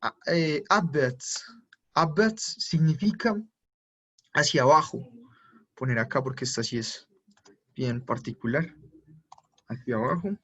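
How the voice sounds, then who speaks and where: A man's voice: fairly high pitch, takes it slowly, long pauses, fairly bright tone, breathy edge. A man teaching a German class, who patiently repeats each word pair and checks for questions. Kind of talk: live online class explanation. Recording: muffled lo-fi audio.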